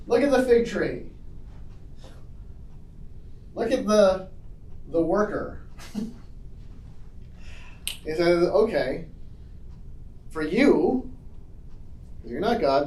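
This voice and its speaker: A man teaching an adult Sunday school class in casual, animated talk, acting out quotes in shifting voices. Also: sits high. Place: church classroom. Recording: roomy echo from far off.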